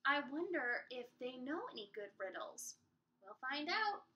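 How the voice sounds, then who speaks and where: A woman teacher reading a picture book aloud to young children, animated and asking them questions. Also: high voice, unhurried, echoey room, recorded from a distance, lo-fi sound. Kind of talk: children's storytime read-aloud.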